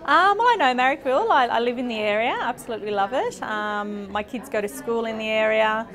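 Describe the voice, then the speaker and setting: A woman's voice: on the high side, a little fast, a bit bright. An Australian woman from Melbourne, a local parent, speaking thoughtfully with hesitant ums in a street interview. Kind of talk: vox pop interview. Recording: street crowd noise behind.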